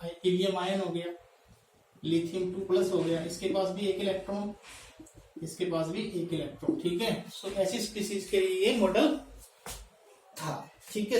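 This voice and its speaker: A male teacher giving a classroom chemistry lecture. He addresses students as "beta" and keeps checking in with "thik hai", slowing down to dictate terms. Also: high-pitched, a little hiss or hum. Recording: echoey room, mic at a distance.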